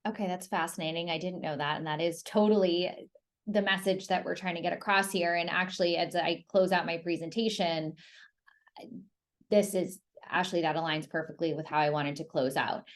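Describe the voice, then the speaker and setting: A woman presenting on an online group call, giving informal motivational advice and repeating phrases for emphasis. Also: fairly low pitch. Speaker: presenter leading the discussion.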